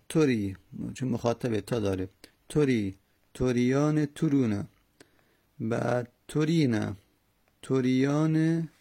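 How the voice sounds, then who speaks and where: A man teaching a grammar lesson, slowly and methodically drilling verb conjugations with hesitant fillers. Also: medium pitch, gravelly, dark tone. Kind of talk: Arabic morphology lesson in Persian.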